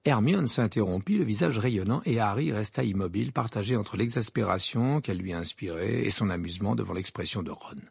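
An audiobook narrator reading a story with an expressive, varied delivery. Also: mid-range voice, gravelly, husky, dry recording, clean studio sound.

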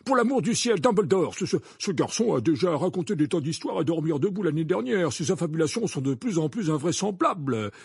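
A man's voice: on the high side, animated, a little fast, creaky, hardly any pauses, a little mellow, husky, dry recording, studio quality, pitched above the performer's own voice, heavily acted. A man reading an audiobook, voicing a pompous, stubborn minister who stammers and repeats his words. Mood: indignant. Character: pompous flustered male minister, stubborn and defensive. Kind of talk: audiobook character voice.

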